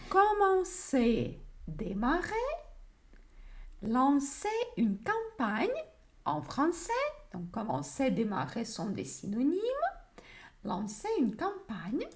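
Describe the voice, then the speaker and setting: Slow, lively French woman teacher. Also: fairly high pitch. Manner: slow and deliberate, repeats words for learners. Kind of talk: slow, clear teaching on a livestream.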